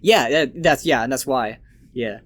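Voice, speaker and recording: A man's voice: mid-range voice, unhurried, fairly bright tone. A man hosting a podcast in casual chat, playfully posing silly hypothetical questions. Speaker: podcast host.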